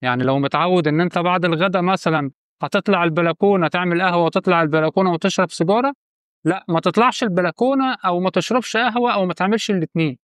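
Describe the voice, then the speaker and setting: A man's voice: sits high, a bit bright, smooth, dry recording, studio quality. A man with an Egyptian Arabic accent giving direct, coaching advice to the viewer in a casual monologue. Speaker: channel host giving quit-smoking advice.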